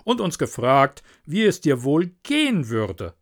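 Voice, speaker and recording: A man's voice: fairly high pitch, huge pitch swings, measured pace, exaggerated voice. A man playing a pompous, selfish older miller in a storybook, speaking in a moralizing, self-satisfied way.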